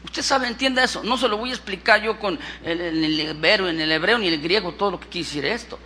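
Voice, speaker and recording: A man with a Mexican accent, a pastor preaching a lively sermon and questioning his congregation. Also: high voice, brisk, a little hiss or hum. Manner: lively, acts out scripture, asks the congregation questions.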